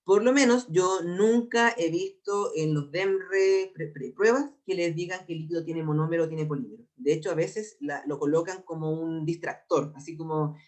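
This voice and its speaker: Chilean biology teacher explaining patiently. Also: medium pitch. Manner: patient, explanatory, repeats key terms slowly. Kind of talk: exam prep class lecture.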